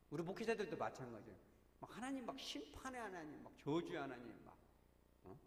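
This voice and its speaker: A man preaching a sermon as pastor, talking emphatically and drawing his congregation in with frequent rhetorical questions. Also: on the high side. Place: church sanctuary. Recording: echoey church hall with long reverb.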